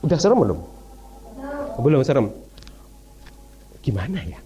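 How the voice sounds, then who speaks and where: A man telling a religious story to children in an animated, playful way, often asking them questions. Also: medium pitch, normal speed, soft background music.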